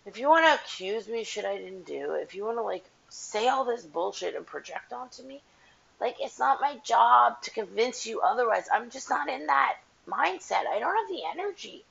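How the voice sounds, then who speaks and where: A woman with a fairly high, bright, slightly creaky voice talks expressively at a normal pace. She's hosting a casual solo podcast while washing dishes, blunt and profane with frank opinions. Her headphone mic makes everything sound tinny and metallic, with faint dish clatter.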